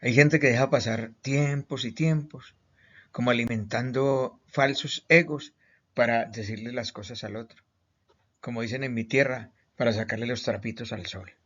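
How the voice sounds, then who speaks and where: Slightly muffled lo-fi audio captures a Colombian man teaching an online lesson in a mid-range, fairly bright voice. He underlines each point by posing questions and repeating words.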